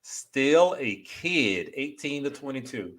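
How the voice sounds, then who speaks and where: A man's voice: medium pitch, big pitch swings, slow pace, a bit bright. A man hosting a talk show as a therapist, giving direct, informal advice in a conversational way.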